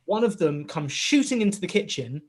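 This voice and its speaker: A man's voice: high voice, very animated, a little fast. A man in his thirties with a slightly raised voice, talking in a loose, conversational way. He tells stories in long, rambling runs, peppered with "like" and "right?", and animates the dialogue as he goes. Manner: acts out quoted dialogue in the story. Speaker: podcast co-host, father of a young boy. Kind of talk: casual chat.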